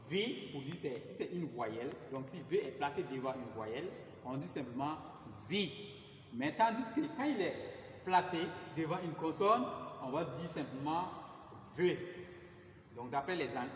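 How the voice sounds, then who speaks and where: A man teaching an English lesson in in a slow, repetitive way, full of fillers. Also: on the high side. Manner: slow, repeats words, many fillers. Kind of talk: recorded classroom lesson. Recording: roomy, far from the mic, faint hum.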